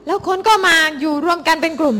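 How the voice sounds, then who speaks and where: A woman interpreting a sermon into Thai for the congregation, rendering it lively and expressively. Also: extremely high pitch, fast. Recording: hall reverb.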